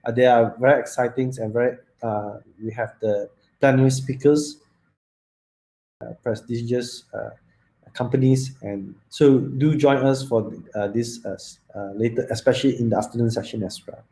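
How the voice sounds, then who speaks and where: A man with a soft, dark tone and mid-range pitch opens a conference session. He speaks haltingly, with non-native phrasing, as he welcomes an online audience and explains the proceedings. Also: fairly even intonation, low-quality recording.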